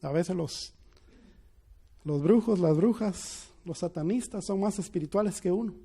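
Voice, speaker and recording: A high-pitched male pastor delivering a sermon. He moves between quiet, hushed storytelling and loud, emphatic preaching, with plenty of restarts as he goes. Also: measured pace, slightly rough.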